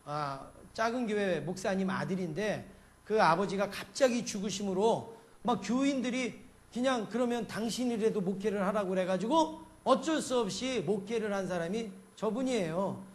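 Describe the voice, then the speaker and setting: A man's voice: high voice, moderate pace. A male pastor from South Korea preaching a sermon, telling a homely story and peppering the congregation with rhetorical questions.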